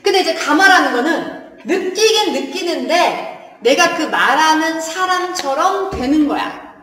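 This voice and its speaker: A woman's voice: high voice, animated, unhurried, sharp tone. A woman teaching a literature class in a chatty lecturing manner, laughing often and checking that her students follow. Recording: echoey hall, distant mic.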